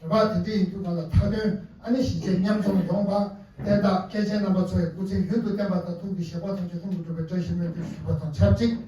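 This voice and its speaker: Guy teaching a class, high warm voice, really echoey hall, sounds far from the mic. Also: fairly even intonation, moderate pace, highs cut off. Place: event hall.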